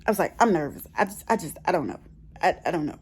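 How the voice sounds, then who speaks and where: In her bedroom at home, a middle-aged American woman chats casually for a personal vlog, telling her story expressively and repeating phrases for emphasis. Her fairly low, slightly rough voice moves quickly with lively intonation.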